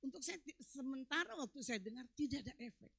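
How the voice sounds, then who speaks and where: A woman pastor preaching a sermon with emphatic delivery, swinging between loud peaks and quiet, low drops. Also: lively intonation, quick pace, gravelly, no room sound.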